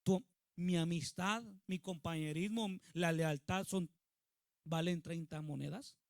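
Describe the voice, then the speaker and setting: Man putting on a betrayed friend's voice, hushed and lower, quiet reproachful questions, high voice, dry sound. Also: unhurried, dry recording. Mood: hurt, reproachful. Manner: soft, reproachful rhetorical questions.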